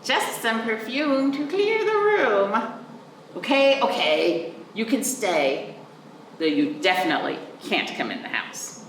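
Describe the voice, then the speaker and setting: Very animated and in no rush, a storytime librarian reads to young children in a sing-song voice, drawing out words and swooping through her pitch range. She pauses now and then to give simple explanations of words. Her voice comes through a distant mic with roomy echo and faint background noise.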